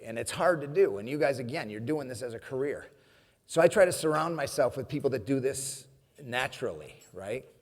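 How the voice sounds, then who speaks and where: Laughing storyteller man in a reverberant hall. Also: medium pitch. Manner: storytelling, laughing often, addressing audience as friends. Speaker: keynote speaker. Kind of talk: humorous motivational speech.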